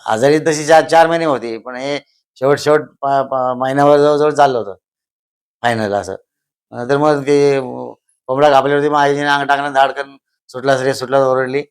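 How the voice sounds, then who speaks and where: An older man, telling stories at a slow pace and repeating phrases for emphasis. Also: mid-range voice, fairly even intonation, clear, resonant tone. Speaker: guest, host's father. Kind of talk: casual storytelling.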